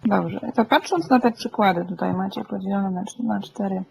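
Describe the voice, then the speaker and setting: A woman's voice: medium pitch, normal speed, vocal fry, darkish tone, muffled recording. A woman teaching a group lesson, patient and asking the class questions, often checking "tak?" as she explains. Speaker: Greek teacher.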